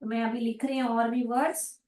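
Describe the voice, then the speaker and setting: A woman teaching English phonics in an online class, sounding out words slowly and reading out students' answers. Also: a little high, level tone, a little mellow, recorded from a distance. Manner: slow, drawn-out sounding of letters and words; reads out students' chat answers and praises them. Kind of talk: online class, explaining in Hindi with English terms. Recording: echoey room, voice away from the mic.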